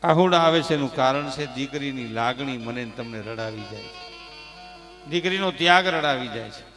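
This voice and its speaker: A man telling folk stories at a live dayro, swinging from soft murmurs to loud, impassioned declamation. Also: medium pitch, normal speed, soft background music. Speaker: folk storyteller. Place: stage at a family folk program. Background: musical instruments.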